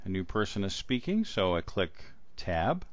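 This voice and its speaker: A man's voice: low-pitched, very animated, normal speed, no echo. A man narrating an instructional screen-recording tutorial, explaining each step as he types. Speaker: transcription trainer.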